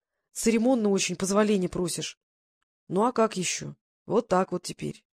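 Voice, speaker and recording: A reader voicing a tender, earnest young woman in love, asking gentle, anxious questions in a Russian audiobook. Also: mid-range voice, normal speed, vocal fry.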